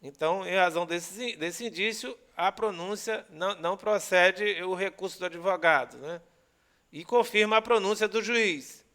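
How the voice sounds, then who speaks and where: A Brazilian man lecturing on criminal law with a crisp, bright tone. His voice sits high for a man. He explains patiently and keeps asking his students if they follow. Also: normal speed. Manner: explanatory, frequent "né?" and "tá?" checks. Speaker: law teacher. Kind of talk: recorded lecture.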